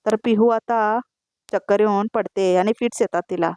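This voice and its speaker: A woman's voice: mid-range voice, fairly even intonation, moderate pace, dark tone, clean tone, no echo. A woman narrating a voice-over recap of a TV serial episode in a plain storytelling manner.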